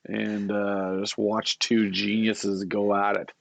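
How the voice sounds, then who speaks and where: A male podcast co-host sounds nasal and stuffy from a cold, with a gravelly edge in a lowish voice. He talks in an upbeat, joking, enthusiastic way. The sound is close and dry. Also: flat delivery, slow pace, no echo. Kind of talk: casual conversation.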